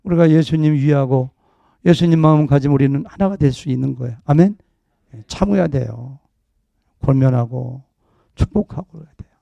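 A man's voice: medium pitch, moderate pace, vocal fry, warm tone, dry recording, dull audio. A middle-aged male pastor preaching a sermon, conversational and jokey in tone.

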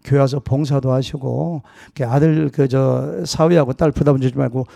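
A middle-aged man, a pastor preaching a sermon, telling a humorous personal story and acting out the dialogue with lively shifts of voice. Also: mid-range voice, moderate pace, gravelly, no echo, clean studio sound. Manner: anecdotal and humorous, acting out dialogue in a wide-ranging voice.

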